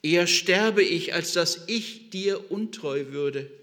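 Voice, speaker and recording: Preacher doing a defiant disciple, indignant, emphatic, slow, echoing hall. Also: male voice, sits high, fairly bright tone, pitched above the performer's own voice. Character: Peter, a proud defiant disciple insisting on his loyalty.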